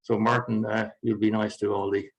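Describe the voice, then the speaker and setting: A man's voice: fairly low pitch, flat delivery, normal speed, creaky, husky, low-quality recording. A man opening an evening talk as chair, introducing the speaker in a chatty way with light humor. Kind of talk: formal event introduction. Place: lecture room with live audience.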